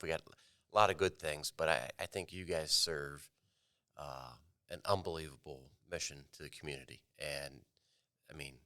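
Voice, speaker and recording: A middle-aged man co-hosts a podcast with a very deep, smooth, resonant voice. He jokes and rambles, circling back on himself. The studio mic is close. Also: pushed and bright, no room sound. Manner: jokey, rambling, restarts often. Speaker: podcast co-host. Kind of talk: casual podcast banter. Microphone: studio mic on a boom, with headphones.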